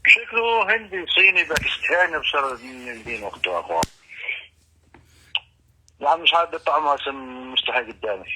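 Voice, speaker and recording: A man's voice: mid-range voice, very animated, fairly quick, long pauses, noisy background. A man with a Levantine Arabic accent in a casual phone conversation, talking bluntly and coarsely. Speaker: prank call target.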